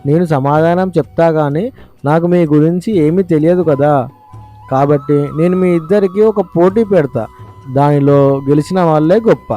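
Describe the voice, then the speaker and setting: A fearless, cheeky young farmer played by a man in a storybook cartoon. He answers with quick, bold comebacks in a mellow, darker voice that sits slightly high for a man. A light music bed runs behind him. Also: close to an everyday voice. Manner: bold, quick-witted replies.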